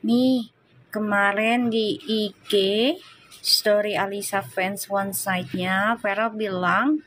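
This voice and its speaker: A woman's voice: mid-range voice, fairly even intonation, slow, a bit bright, a little hiss or hum. A woman tarot reader chatting on a live stream, effusive and full of exclamations of praise. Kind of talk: casual live-stream chat.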